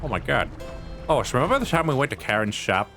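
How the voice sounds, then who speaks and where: A man with a medium-pitched voice, big pitch swings and a quick pace streams a video game over its music, chatting casually. He rambles, restarts his sentences and tosses in self-deprecating asides.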